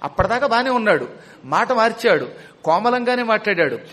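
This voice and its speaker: A male storyteller giving a traditional epic discourse, animated and dramatic, chanting verses at times. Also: high-pitched, a little fast. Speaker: storyteller of epics.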